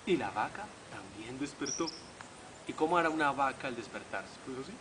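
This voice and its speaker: A man reading a children's story aloud in an animated way, speaking to young listeners and imitating the animal sounds. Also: medium pitch, moderate pace. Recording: noisy home video recording.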